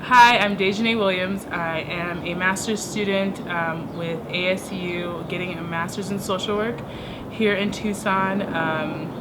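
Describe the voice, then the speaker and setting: A twenty-two-year-old woman with a slightly low voice answers casually, with plenty of fillers. Background noise and an air conditioner hum sit behind her. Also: fairly even intonation, measured pace. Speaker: master's student. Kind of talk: documentary interview answers.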